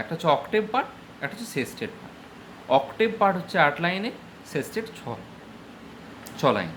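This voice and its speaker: A middle-aged man with a Bengali accent lecturing as a high school English teacher, slow and deliberate in English, quicker in Bengali. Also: fairly bright tone, a little hiss or hum. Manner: switches between slow deliberate English and rapid explanatory Bengali. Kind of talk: classroom lecture.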